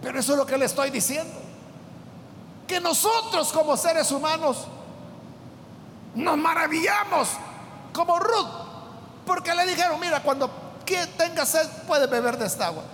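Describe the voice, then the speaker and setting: A man preaching a sermon, retelling scripture in a conversational way, calling his listeners brother and breaking into shouts on key points. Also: very high-pitched, long reverb tail, a little hiss or hum.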